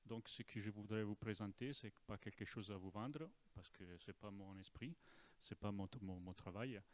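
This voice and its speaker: An Italian man giving an informal presentation in broken French with an Italian accent, halting and repeating words as he goes. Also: on the low side. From Italy. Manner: broken, non-native French with grammar slips. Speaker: naval officer giving a presentation.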